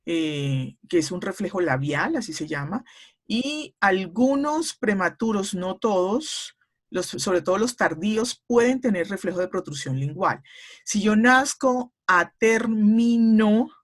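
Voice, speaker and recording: A middle-aged woman speech therapist, a guest in an interview, explaining in a measured, teacherly way with frequent hesitation fillers. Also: medium pitch, expressive.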